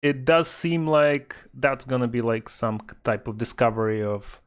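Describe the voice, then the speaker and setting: A man's voice: mid-range voice, moderate pace, clean tone. Rambling man chatting on a podcast. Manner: rambling, hesitant with many restarts and fillers; laughs often, animated when mimicking quotes. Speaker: podcast co-host. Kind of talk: casual chat.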